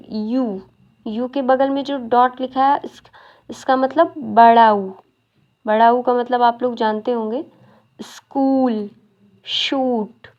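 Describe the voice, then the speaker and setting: A woman's voice: fairly high pitch, darkish tone, lo-fi sound. A woman teaching a phonetics lesson, explaining step by step and asking questions as she goes.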